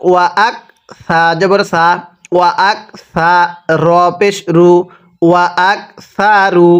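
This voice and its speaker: A man with a Bangladeshi Bengali accent leads a Quran reading lesson, spelling each word out syllable by syllable. His voice sits high and comes through smooth and clear. He takes his time, stretching the recited words long. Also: steady tone, lo-fi sound. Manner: spells letters syllable by syllable, then recites slowly and draws out the words.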